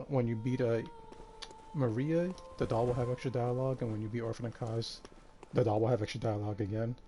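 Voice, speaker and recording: A man streaming a game live, tired and a bit out of breath, talking in a relaxed, rambling way with lots of fillers. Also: medium pitch, a little hiss or hum. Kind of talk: casual live-stream commentary.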